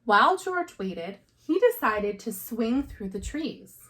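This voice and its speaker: A teacher reads a picture book aloud to young children, taking her time and telling the story expressively. Her voice is on the high side.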